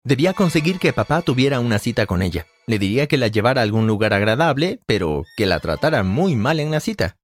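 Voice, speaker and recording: A man narrating a first-person story in a plain, brisk storytelling manner. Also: medium pitch, very animated. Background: soft music.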